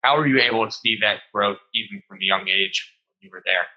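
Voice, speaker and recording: A man's voice: medium pitch, sing-song, brisk, gravelly, lo-fi sound. A man hosting an interview podcast, friendly and upbeat, with frequent ums. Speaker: podcast host.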